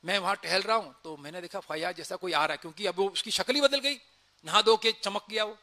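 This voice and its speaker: Man, army officer, storytelling, high-pitched, bright and forceful, acts out dialogue. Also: fast. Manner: acts out dialogue in lively retelling. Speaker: army officer sharing experience. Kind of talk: storytelling talk.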